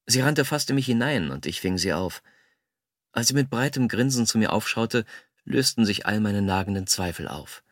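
Calm low-voiced male audiobook narrator. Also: moderate pace, no room sound, studio quality. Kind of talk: scripted first-person narration.

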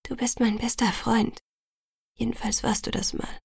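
A woman's voice: fairly high pitch, level tone, moderate pace, vocal fry, a little mellow, husky, no room sound, in a whisper, clean studio sound, exaggerated voice. A woman voicing an anxious, guilty young woman. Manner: defensive, anxious, self-reproaching.

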